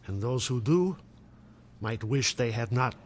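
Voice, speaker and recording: An actor playing a grave, formal scholar in an audio drama, speaking in a measured way. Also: male voice, mid-range voice, lively intonation, a little hiss or hum, close to an everyday voice.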